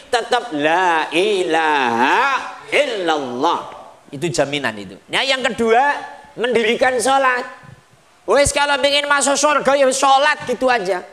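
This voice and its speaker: Bright high-voiced male preacher. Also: slow. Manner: lively, mixing regional phrases and acted prayers. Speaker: Islamic preacher. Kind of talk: sermon.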